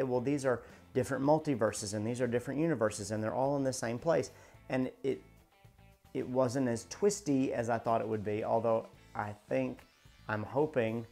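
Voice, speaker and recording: A man in his thirties talks through a show breakdown in a relaxed, rambling way, full of fillers and restarts. His voice has a gravelly, fried edge at a middling pitch. Faint music sits under his voice. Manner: chatty, many "uh" and restarts, gestures a lot. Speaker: show reviewer. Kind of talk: casual video breakdown. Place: indoor home studio in front of a backdrop.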